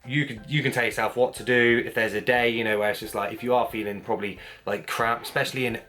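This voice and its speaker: A man's voice: medium pitch, steady tone, quick pace, bright, forceful tone, faint music behind. A man with a Wiltshire English accent, chatting casually to viewers in a rambling, informal, blokey way as a vlogger. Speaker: vlogger, gym owner.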